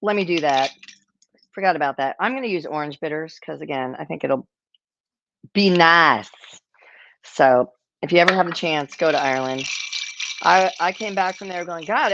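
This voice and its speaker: A woman's voice: sits low, dull audio, noisy background. A woman hosting a casual cocktail-making demo, chatty and self-deprecating, with rambling asides. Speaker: cocktail show host.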